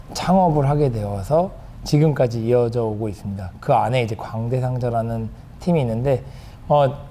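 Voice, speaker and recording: A man's voice: medium pitch, dark tone. A man who works as a magician, talking in an interview. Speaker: magician in a performance troupe. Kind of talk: interview answers. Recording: faint background noise.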